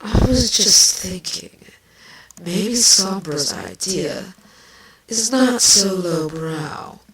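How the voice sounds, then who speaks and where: A woman voicing a scheming changeling queen villain, speaking deliberately and with emphasis in a fan fiction drama. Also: mid-range voice, expressive, a crowd in the background. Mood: musing. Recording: distant mic with clear background noise.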